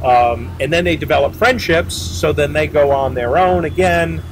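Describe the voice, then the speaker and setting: A man's voice: a little high, moderate pace, poor audio. Middle-aged man rambling outdoors with noise. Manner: rambling, with many fillers and restarts. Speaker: boat manufacturer representative. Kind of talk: casual interview answers. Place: outdoors beside a boat at a marina.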